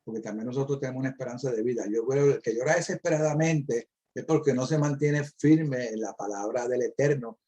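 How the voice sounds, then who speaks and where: Give me a middle-aged man with a dark, relaxed voice leading a Bible talk and quoting verses. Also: medium pitch, brisk, few pauses. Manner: preacherly, quotes scripture and stresses key words. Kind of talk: Bible discussion.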